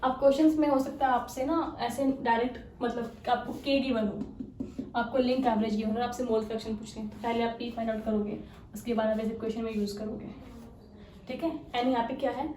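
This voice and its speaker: A woman's voice: fairly high pitch, steady tone, a little fast, dark tone, recorded from a distance. A woman teaching a chemistry exam-prep lecture, explaining step by step, asking rhetorical questions and mixing in English technical terms. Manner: mixes English technical terms into her talk. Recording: echoey room, voice a bit off-mic, faint hiss.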